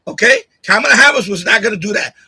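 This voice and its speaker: High-pitched, bright and forceful, this husky male voice talks fast and animatedly. He's a Puerto Rican streamer at a home setup with a USB condenser mic on a boom arm, casually arguing bluntly with commenters, often repeating himself and laughing.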